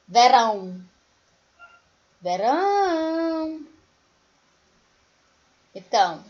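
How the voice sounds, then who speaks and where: Woman teacher, slow and patient, fairly high voice, sings out example words, slightly dull lo-fi recording. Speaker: primary school teacher. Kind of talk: recorded remote lesson for children.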